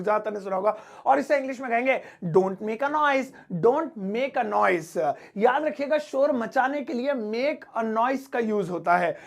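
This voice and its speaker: A man with a high voice and a strongly gravelly, fry-heavy texture teaches English phrases. He keeps it playful and jokey, acting out scolding teachers and cheeky kids. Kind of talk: playful Hindi English lesson.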